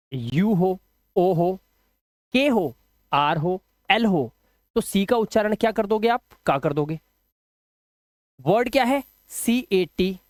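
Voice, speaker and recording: A man's voice: high voice, no echo, clean studio sound. A male English teacher giving a spoken lesson. He asks the class questions and answers them himself, and drags out letter sounds as he spells. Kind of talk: spoken video lesson for students.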